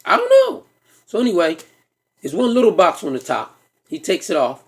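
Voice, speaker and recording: A man telling a comic story, animated and profane, acting out the dialogue himself. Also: fairly high pitch, brisk. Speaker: stand-up comedian.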